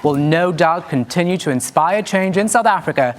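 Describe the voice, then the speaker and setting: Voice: medium pitch, lively intonation, normal speed. A news presenter and reporter delivering news reports and putting questions.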